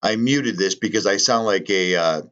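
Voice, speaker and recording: A man's voice: on the low side, moderate pace, fairly bright tone, lo-fi sound. A man, talking casually in a vlog and pressing rhetorical questions. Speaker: channel host.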